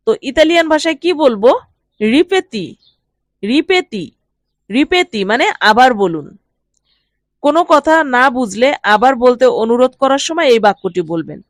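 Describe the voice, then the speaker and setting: A woman with a Bengali accent teaching a language lesson, saying each phrase slowly twice and then explaining its meaning. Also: high voice, no echo.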